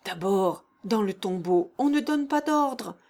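A woman reading aloud and voicing a brash, mocking dead man who speaks loudly and taunts the others. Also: fairly high pitch, big pitch swings, a little slow. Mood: taunting. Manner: loud, taunting, boastful.

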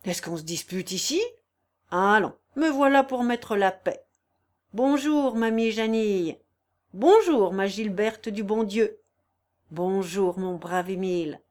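A woman's voice: medium pitch, slow, pitched below the performer's own voice, natural voice. A woman reading aloud, voicing a jovial, hearty male carpenter who greets everyone in a boisterous, affectionate way.

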